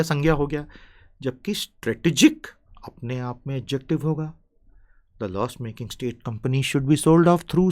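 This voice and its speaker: A man with an Indian accent teaching English vocabulary, chatty and playful, slowly stretching out the key words. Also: medium pitch. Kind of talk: spoken vocabulary lesson.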